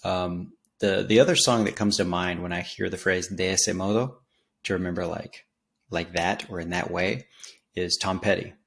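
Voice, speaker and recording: A man explaining song lyrics in a casual spoken language lesson, relaxed and rambling with many ums and restarts. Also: low-pitched, moderate pace, gravelly. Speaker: language teacher.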